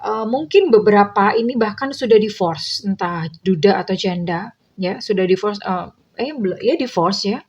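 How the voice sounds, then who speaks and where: A woman reads tarot for her viewers in a loose, chatty way, wandering between points and filling pauses as she goes. Her voice sits at an ordinary middle pitch. The recording sounds a little dull and lo-fi. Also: darkish tone, husky. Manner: chatty, meandering, many fillers. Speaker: tarot reader. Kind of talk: casual tarot reading to viewers.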